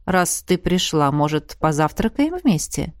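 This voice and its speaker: Woman doing a soft-spoken teasing rector. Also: sing-song, a little slow, no room sound, clean studio sound. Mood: coaxing. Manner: soft, lowered, easygoing and coaxing. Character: grown man, rector, teasing and calmly playful.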